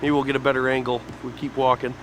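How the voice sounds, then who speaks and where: A man's voice: mid-range voice, little pitch movement, rapid-fire, a little hiss or hum. A man hosting a casual walking tour of an outdoor construction site, talking enthusiastically with lots of fillers. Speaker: fan site video host.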